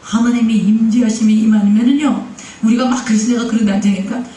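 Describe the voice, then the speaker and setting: A man's voice: high-pitched, steady tone, fast, dark tone. A male pastor preaching a sermon, emphatic and repetitive, often turning to the congregation with direct questions. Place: church sanctuary. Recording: echoey church hall, mic at a distance.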